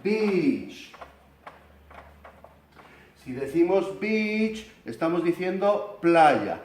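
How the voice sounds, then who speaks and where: Spanish guy teaching english sounds, drags out the vowels, kinda high voice, roomy echo. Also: lively intonation, a little hiss or hum. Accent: Spanish from Spain. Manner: slow, deliberate, stretches vowels to demonstrate. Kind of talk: explanatory video lesson. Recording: echoey room.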